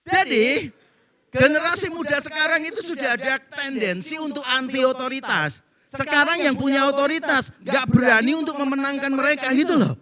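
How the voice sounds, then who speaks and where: A middle-aged pastor delivers a playful sermon. His voice sits very high for a man and rings bright. He tells stories and mimics the people he quotes to draw laughs. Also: normal speed, no echo. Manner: joking storyteller, acts out quoted people. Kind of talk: humorous sermon to a congregation.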